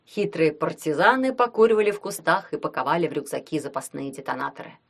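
A woman narrating a fantasy novel as an audiobook, in steady storytelling. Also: sits low, quick pace, creaky. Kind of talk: scripted narration.

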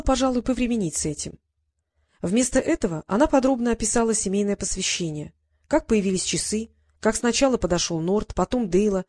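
A woman narrating an audiobook in a steady, even storytelling manner. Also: medium pitch.

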